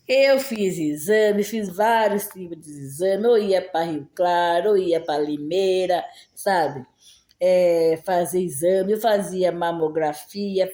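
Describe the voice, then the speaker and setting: A middle-aged woman tells a personal testimony in a fervent, repetitive way. Her voice is mellow and warm. It rings in a roomy, echoey space. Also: medium pitch. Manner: fervent, repetitive, heartfelt storytelling. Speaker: vlogger sharing a testimony. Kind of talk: casual spoken testimony.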